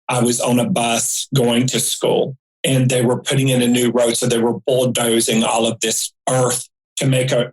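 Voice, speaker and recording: A man, a guest telling a story in an animated, folksy way. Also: mid-range voice, poor audio. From rural North Carolina. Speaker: psychic guest. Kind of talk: storytelling interview.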